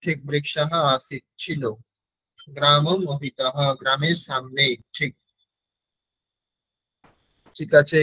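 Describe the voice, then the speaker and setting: A man with a Bengali accent teaching a Sanskrit class over a video call, patiently repeating words slowly so his students can copy them. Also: a little high, a bit bright, slightly rough, no room sound, low-quality recording.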